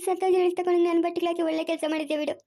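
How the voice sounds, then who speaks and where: A woman's voice: extremely high pitch, flat delivery, racing, dark tone. A woman acting a regretful young woman in an amateur family drama, wailing and blaming herself. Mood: lamenting. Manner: wailing, self-reproaching. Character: young woman who ran off, full of regret.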